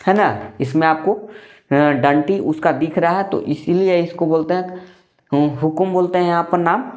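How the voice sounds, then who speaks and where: A man explains a maths lesson in an easygoing classroom way. He repeats each point and keeps asking questions that he answers himself. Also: on the high side. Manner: repetitive, asks and answers own questions. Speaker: maths teacher.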